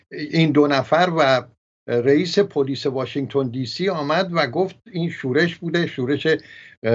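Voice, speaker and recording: A man hosting an interview, asking long winding questions with frequent pauses. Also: mid-range voice. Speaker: host. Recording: dull lo-fi sound.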